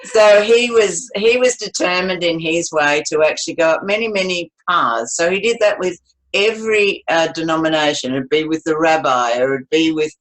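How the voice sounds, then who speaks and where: A woman in her seventies tells her life story to an interviewer in a warm, rambling, chatty way, restarting often and laughing frequently. Her voice sits low and moves at a normal speed. The audio is poor.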